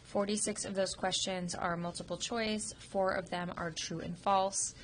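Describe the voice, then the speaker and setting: Speaking in a medium pitch with fairly even intonation, a woman instructor goes through a radiography test over slides at an unhurried pace. She's sick and sniffling, informal and explanatory, and says um often. It's recorded on a computer microphone with slight background noise.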